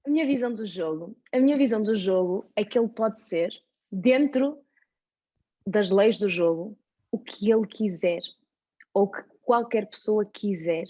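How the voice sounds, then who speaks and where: A woman's voice: medium pitch, measured pace, warm tone, highs cut off. A woman with a European Portuguese accent, a guest in a casual chat, talking animatedly with lots of examples. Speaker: podcast guest.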